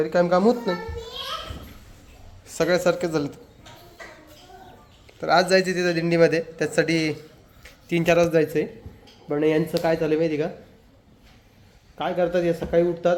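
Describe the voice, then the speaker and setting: A man's voice: fairly high pitch, a little mellow. A young man with a Marathi accent chatting casually to camera in a family vlog, sometimes scolding his family. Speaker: family vlogger.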